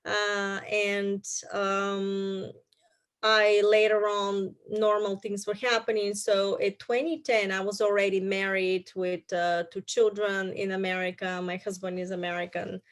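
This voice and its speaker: Bulgarian lady guest on an interview, pretty monotone, lots of ums and restarts. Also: mid-range voice. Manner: halting, many fillers and restarts. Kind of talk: casual storytelling in an interview.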